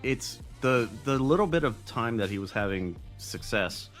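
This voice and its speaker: A man's voice: mid-range voice, expressive, moderate pace, fairly bright tone, soft background music. A man co-hosting a boxing podcast in loose, profane casual chat, laughing often. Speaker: podcast co-host.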